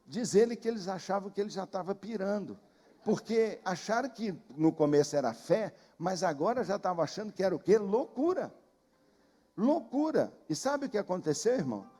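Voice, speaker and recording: High-voiced Brazilian preacher in a ringing hall. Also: male voice, dark tone. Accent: Brazilian Portuguese. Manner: emphatic storytelling, repeating phrases. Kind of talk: sermon. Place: church.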